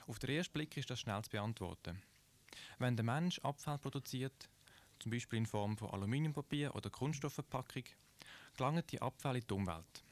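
A man with a Swiss German accent reads a scripted radio commentary at a middle pitch. He explains in a measured way and often poses rhetorical questions to his listeners. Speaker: radio presenter.

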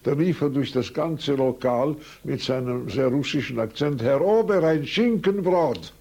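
In a creaky yet mellow medium-pitched voice, a little slow, an older Swiss man of French mother tongue tells his life story for a tape-recorded interview. The talk is rambling and full of anecdotes, broken by hesitations and self-corrections, and the sound is dull.

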